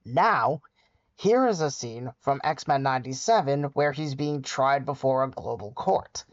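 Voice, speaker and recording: A man's voice: mid-range voice, animated, a little slow, dry recording. Man, reaction commentary, sarcastic and scolding, dry room, muffled lo-fi sound. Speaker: commentary YouTuber.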